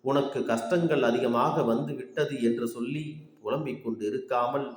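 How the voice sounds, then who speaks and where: A man's voice: mid-range voice, close to an everyday voice. A man voicing a sorrowful fatherly guardian deity. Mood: sorrowful, tender. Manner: slow, tender, pleading, paternal. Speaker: deity addressing a devotee. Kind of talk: devotional first-person address. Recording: echoey with long hall reverb.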